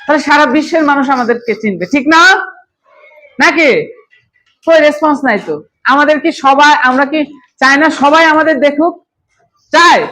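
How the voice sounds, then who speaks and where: A woman's voice: high voice, moderate pace, pauses often, a bit bright, low-quality recording. A woman with a Bangladeshi accent teaching a children's spoken English class, coaxing the room and checking "okay?" again and again. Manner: coaxing, repeats "okay?" often, mixes Bengali and English.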